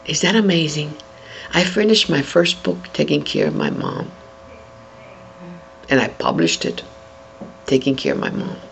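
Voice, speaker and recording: An older entertainer giving an interview, talking in an animated way and demonstrating voices while handing out advice. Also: medium pitch, unhurried, creaky, long pauses. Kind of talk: interview chat. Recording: dull lo-fi, faint noise.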